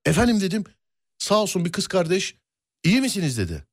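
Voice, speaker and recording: Male radio host, chatty and playful, voice jumps all over, talks fast. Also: high voice, husky. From Turkey. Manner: animated storyteller, quick and playful. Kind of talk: casual studio banter.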